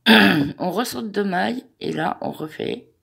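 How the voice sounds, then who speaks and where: A woman walks viewers through a crochet pattern step by step, chatty and hesitant, counting each stitch aloud. She speaks slowly and unhurriedly, and her voice has a gravelly edge. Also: medium pitch, lively intonation, a bit bright. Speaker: crochet tutorial host. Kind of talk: step-by-step craft tutorial.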